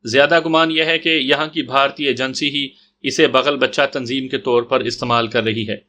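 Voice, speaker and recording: A man's voice: medium pitch, steady tone, bright, forceful tone, close to an everyday voice. A man voicing a blunt young woman investigator. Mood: matter-of-fact. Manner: blunt and direct.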